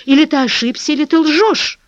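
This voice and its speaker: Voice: medium pitch, very animated, moderate pace, fairly bright tone, dry recording. A narrator doing an anxious young workman. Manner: urgent, pleading, exclaiming. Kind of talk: audiobook character voice. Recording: dull dry lo-fi recording.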